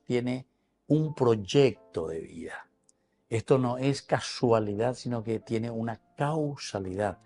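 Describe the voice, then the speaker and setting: A man's voice: fairly low pitch, a little mellow. A man with a Paraguayan Spanish accent, a priest giving a teacherly Bible reflection on television. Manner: explanatory, teacherly.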